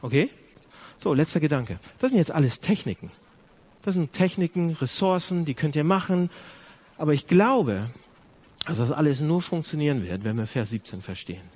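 A man preaching a sermon, emphatic and repetitive, swinging between loud urging and low, intense passages. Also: lively intonation, normal speed, slightly rough. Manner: repeats phrases for emphasis.

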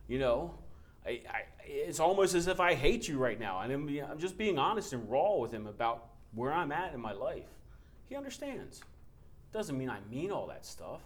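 A man preaching a relaxed, conversational sermon as pastor, telling personal stories and reading scripture with rising emphasis. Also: a little high, normal speed. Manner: candid, storytelling, reads scripture with rising emphasis.

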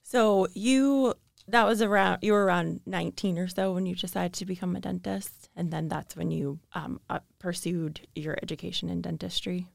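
A woman's voice: on the low side, steady tone, moderate pace, creaky, few pauses, dry recording. A woman hosting a city podcast interview in a studio, polite and well-prepared. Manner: polite, scripted opening. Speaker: podcast host, public information officer.

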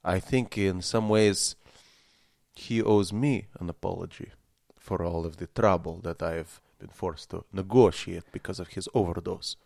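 A man's voice: low voice, steady tone, a little slow, vocal fry, a little mellow, dry recording, clean studio sound. A man playing a pompous, fanatical Russian sour cream promoter with a heavy Russian accent and a solemn, faintly menacing manner, as a guest in a comedy interview. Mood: defiant, menacing.

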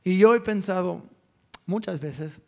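A man's voice: sits high, a little slow, gravelly, dark tone. A man, a pastor giving a sermon in a candid, self-mocking storytelling way.

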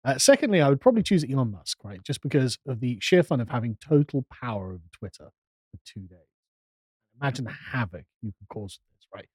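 A man's voice: medium pitch, very animated, fast talker, darkish tone, husky, no echo. A man co-hosting a live podcast, chatting casually, laughing often and mimicking voices. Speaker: podcast co-host. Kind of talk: casual banter on a live stream.

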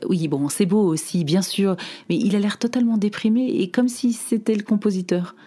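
A woman giving a literary reading, with lively, exasperated delivery of the dialogue. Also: medium pitch, normal speed. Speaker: reader.

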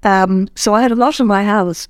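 An older woman from Ireland, a former ombudsman, recounting her career in an interview with measured, halting phrasing and many restarts. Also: medium pitch, no room sound, clean studio sound. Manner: measured, searching for words with frequent restarts. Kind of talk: reflective interview storytelling.

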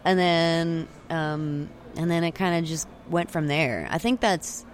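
A young singer-songwriter from Austin, Texas, appears as an interview guest, chatting casually with lots of fillers, frequent "like," and restarts. Her deep voice moves a little slowly. The recording was made at a remote location using a handheld portable recorder with external mics.

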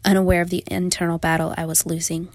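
A woman's voice: fairly low pitch, flat delivery, quick pace, dry recording. A young adult woman reading her own first-person story in a reflective, confessional manner. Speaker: narrator. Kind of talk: first-person memoir narration.

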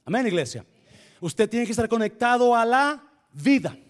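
High-voiced preacher. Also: male voice, sing-song, normal speed. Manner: swings from quiet asides to shouted preaching; mixes in English words. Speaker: pastor. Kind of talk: sermon. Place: church.

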